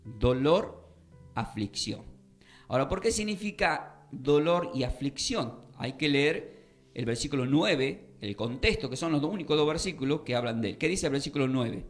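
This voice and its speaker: A man's voice: medium pitch, animated, normal speed, soft background music. A man teaching a radio Bible class, quizzing listeners and repeating key points for emphasis. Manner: questioning, emphatic teaching with repetitions. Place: radio studio.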